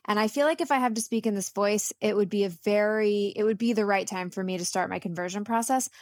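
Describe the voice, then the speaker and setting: A woman's voice: medium pitch, fast, no echo, clean studio sound. A woman co-hosting a podcast in casual comedic chat, thinking aloud with hesitant restarts. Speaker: podcast co-host.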